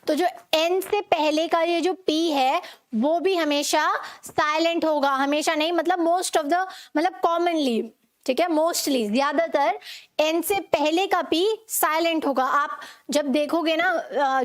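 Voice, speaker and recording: A young woman with an Indian accent teaching English pronunciation in an online lesson. She mixes Hindi and English, asks her learners questions and then repeats the answer. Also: sits high.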